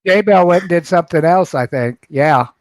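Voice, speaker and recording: A man's voice: on the high side, normal speed, no room sound. Teasing man with a dry sound. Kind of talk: casual chat.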